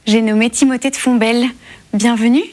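A woman's voice: on the high side, steady tone, fairly quick, darkish tone. A woman hosting a television interview, welcoming her guest and asking questions. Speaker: television host.

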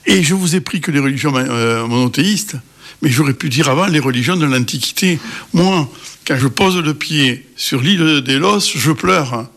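A middle-aged man from the Cévennes in France, a guest expert explaining with lively emphasis in an interview. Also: fairly high pitch, normal speed.

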